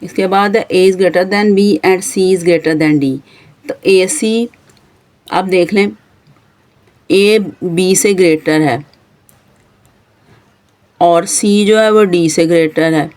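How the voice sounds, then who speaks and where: A woman with a Pakistani Urdu accent teaches a math lesson, patiently walking through each step and pointing at the board with frequent pointing words. Her voice is on the low side and a little mellow, and she speaks very slowly with long pauses.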